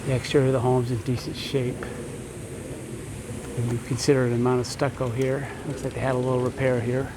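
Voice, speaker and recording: A man's voice: medium pitch, little pitch movement, a little fast, noisy background. A man walking through a house, garage and yard, giving an easygoing home tour and thinking aloud as he goes.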